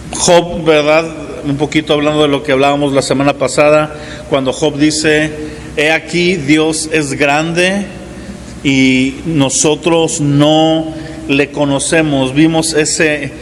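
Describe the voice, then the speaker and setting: Middle-aged pastor guy preaching casual-like, keeps asking the room stuff, voice a bit high, long echo from the hall. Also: a little hiss or hum. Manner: conversational preaching with frequent "¿verdad?" asides. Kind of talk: sermon. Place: church hall.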